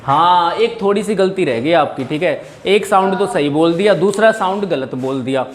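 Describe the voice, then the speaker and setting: A man's voice: high voice, expressive, normal speed. A young male teacher in a classroom, explaining English grammar in Hindi mixed with English and joking with students. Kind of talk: classroom lesson.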